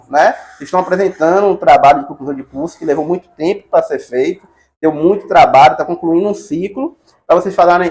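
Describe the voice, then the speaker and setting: A middle-aged Brazilian man teaching casually, chatty and encouraging, often adding "né" and "tá bom". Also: sits high. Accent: Brazilian Portuguese. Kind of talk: casual advice lesson.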